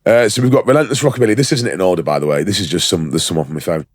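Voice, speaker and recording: A man's voice: low-pitched, very fast, no room sound, clean studio sound. A man co-hosting a casual podcast, rambling and sweary, full of ums and fillers. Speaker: podcast co-host.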